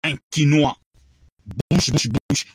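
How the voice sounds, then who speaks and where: Switching between French and English, a man from the Democratic Republic of the Congo gives an emphatic, repetitive sermon in a Congolese French accent. He speaks slowly in a husky, high-ish voice with fairly even intonation, and the recording is rough.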